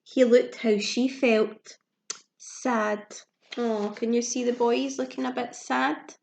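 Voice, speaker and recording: On the high side and slow-paced, the woman's gravelly voice carries a faint hiss or hum as she reads a children's story aloud. Like a teacher, she keeps it simple and animated, with gasps, questions, and asides to the children, in a room that echoes.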